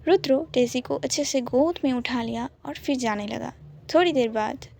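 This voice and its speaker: A woman narrating a romance story in a calm, soft-spoken way. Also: high-pitched, moderate pace, gravelly, a little hiss or hum.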